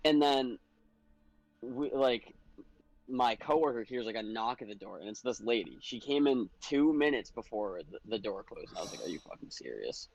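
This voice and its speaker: A man's voice: mid-range voice, moderate pace, poor audio. A young man chatting casually on a game stream, blunt and swearing freely as he complains. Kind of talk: casual chat while gaming.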